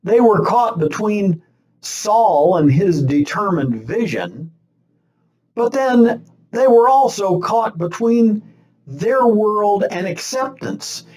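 A man in his sixties, a pastor, giving a deliberate sermon to a webcam from a small chapel set. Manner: slow, deliberate preaching with lively rising and falling pitch. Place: small chapel set with stained-glass backdrop, indoors. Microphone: webcam facing him at desk distance.

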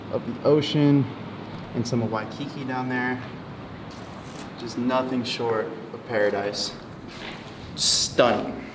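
A young man in his twenties chats into a handheld camera held at arm's length as he walks outdoors. His talk is casual and full of slang. Steady outdoor noise runs clearly behind his voice. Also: mid-range voice. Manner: laid-back, chatty, slangy. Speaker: travel vlogger. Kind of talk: casual travel vlog. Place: outdoors on a hiking trail and beach. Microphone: handheld action camera at arm's length.

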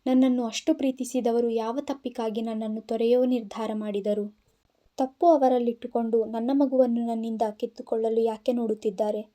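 Give me a sad, soft-hearted young wife from an audio storybook, as a woman narrator voices her, tender with a child and full of doubt. The voice is mellow and slightly high. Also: steady tone, brisk, lightly acted.

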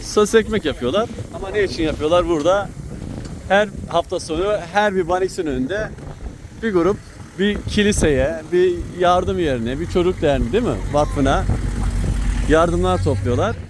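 A man's voice: sits high, moderate pace, noisy background. A man chatting casually in a family vlog, explaining things as he goes, outdoors in town. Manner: explaining, talkative. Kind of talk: casual conversation.

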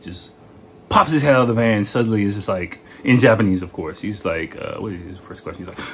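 A man's voice: on the low side, brisk, a little hiss or hum. A man hosting a podcast, telling a story in a loose, rambling way with lots of "like" and "you know" and frequent laughter. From United States. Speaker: podcast host.

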